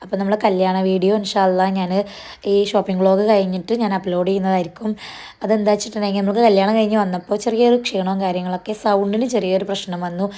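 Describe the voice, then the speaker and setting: A woman's voice: mid-range voice, steady tone, dark tone. A woman narrating her shopping vlog in a chatty voice-over, her voice a little strained. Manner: chatty, sprinkles tag particles, talks fast. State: voice strained after losing it. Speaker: vlogger.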